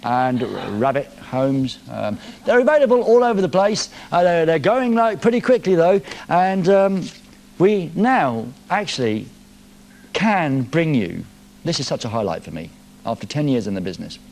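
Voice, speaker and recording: A man's voice: a little high, big pitch swings, moderate pace, darkish tone. A man hosting a live television music show from a studio, reading viewer messages in a jokey, teasing, playful way.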